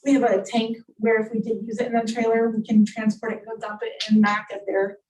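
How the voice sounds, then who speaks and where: A woman explaining her family's request at a city council meeting, halting and repeating words as she talks. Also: a little high, level tone, darkish tone, slight background noise. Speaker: resident making a request. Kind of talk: public comment at a council meeting. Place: council chamber. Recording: roomy and far from the mic.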